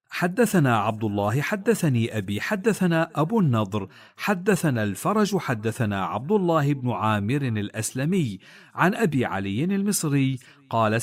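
Man reciting religious texts with lively pitch. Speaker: reader of hadith texts. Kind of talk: formal reading of religious texts.

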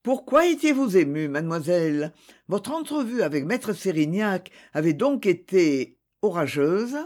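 A polite investigator with a soft, patient voice, as a reader plays him, pressing gently with his questions. His delivery is slow and unhurried, with a lively melody. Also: medium pitch. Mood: courteous. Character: calm, courteous male investigator.

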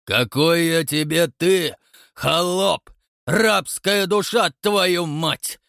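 A man's voice: mid-range voice, very animated, a little slow, no echo, studio quality. A man voicing a pompous, grey-bearded old man posing as a count, grandiose and menacing. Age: older.

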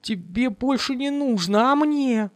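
A man voicing a scheming woman desperate for money, pleading in a wheedling, high-pitched voice. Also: animated, moderate pace, no room sound.

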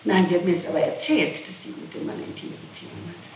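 This middle-aged woman, the accused in a recorded interrogation, speaks fast in a fairly low, slightly mellow voice. She answers emphatically, indignant and on the defensive. The old tape is noisy and echoey, captured from a distant microphone.

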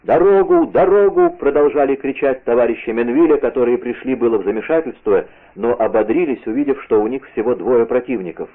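A man's voice: medium pitch, fast talker, hardly any pauses. A man narrating an adventure novel in a vivid, theatrical reading. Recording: tinny lo-fi radio broadcast.

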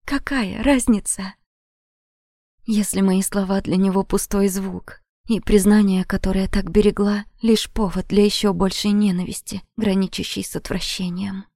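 A woman narrating a first-person romance audiobook in an intimate, breathy voice that often drops to a whisper. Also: medium pitch, little pitch movement, normal speed, few pauses, dark tone, dry recording, clean studio sound.

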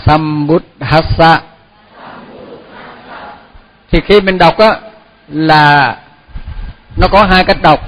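A man teaches a Buddhist chant, saying each syllable slowly so pupils can repeat it. His voice sits a little high, and his pace is unhurried. Between the chanted lines he explains pronunciation in a relaxed, everyday way. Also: rough recording. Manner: explains pronunciation in casual speech. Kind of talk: chanting lesson.

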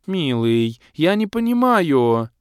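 A pampered young lady in a fantasy storybook, whining and cooing in a high sing-song, as a male reader puts her on. Her voice swoops wildly up and down as she pouts and pleads, heard close and dry with no room around it. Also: big pitch swings, slow, smooth, no echo. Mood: pouting. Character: spoiled pampered young woman, whiny and cooing.

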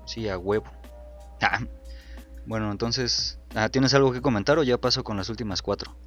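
Man, podcast co-host, low voice, laid-back and reflective, muffled lo-fi audio. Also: moderate pace, soft background music. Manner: relaxed, reflective, frequent fillers. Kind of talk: casual chat about song lyrics. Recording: dull lo-fi sound.

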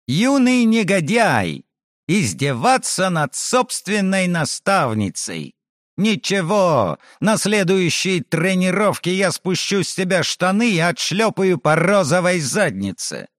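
A man's voice: high-pitched, expressive, a little slow, no room sound, studio quality, voice pushed up. A man voicing a fiery, teasing female swordswoman with a to her speech, in an audiobook. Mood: mock outrage. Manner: brash, mocking, loud. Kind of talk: audiobook character voice.

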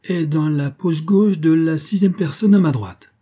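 A man voicing an amorous gentleman who plays a stage conjurer, in a showy, theatrical way. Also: fairly high pitch, expressive, a little slow, slightly rough, pitched above the performer's own voice. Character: smooth-talking amorous man doing a parlor trick.

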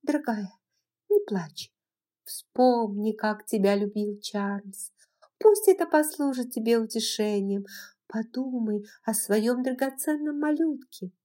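Woman doing Melanie, a gentle soothing young woman. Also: on the high side, slow. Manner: soft, consoling.

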